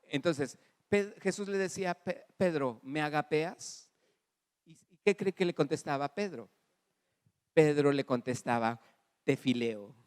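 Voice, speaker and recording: Mexican preacher in a reverberant church hall. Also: male voice, on the high side, unhurried, clean tone. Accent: Mexican Spanish. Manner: animated preaching with audience call-and-response; acts out dialogue in varied voices. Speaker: pastor. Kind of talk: sermon.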